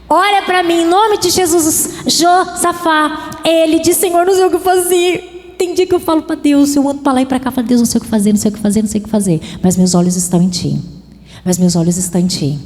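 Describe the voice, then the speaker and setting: A woman's voice: high-pitched, darkish tone. A woman pastor with a Brazilian Portuguese accent, preaching a sermon with bursts of emphasis and playful asides. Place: church. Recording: long reverb of a church hall.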